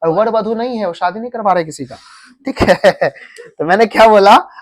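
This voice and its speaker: A man's voice: high-pitched, normal speed. A man teaching grammar to a class of students, drilling them with repeated questions. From India.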